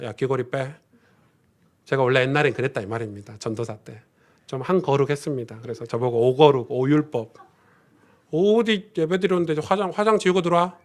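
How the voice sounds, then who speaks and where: Middle-aged pastor guy preaching in church, kinda high voice, storytelling then gets fired up praying. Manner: storytelling, swells to fervent high-pitched prayer. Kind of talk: sermon. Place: church sanctuary.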